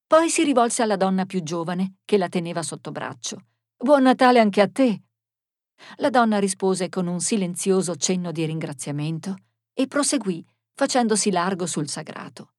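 A woman's voice: on the low side, animated, moderate pace, a little mellow, no echo, clean studio sound. Woman reading a story aloud. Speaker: narrator.

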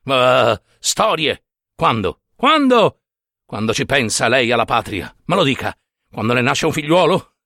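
A man's voice: fairly high pitch, a bit bright, dry recording, studio quality, full character voice. A man in his fifties voicing a heavy, breathless, indignant traveler who lectures with heated rhetorical questions. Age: 50s. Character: fat, breathless, indignant older male traveler.

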